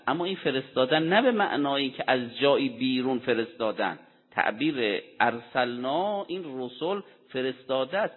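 A mid-range male voice delivers a Quran commentary lecture, deliberate and explanatory, with Arabic quotations and rhetorical questions he answers himself. He's a religious lecturer, recorded with a tinny phone-like quality and long reverb from the hall.

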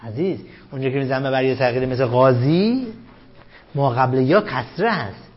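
A man teaching a grammar class. He reads quoted lines slowly and loudly, questions the students and calls them "sir" and "dear". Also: mid-range voice, dull audio. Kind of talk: classroom lesson, reading a text aloud and explaining it.

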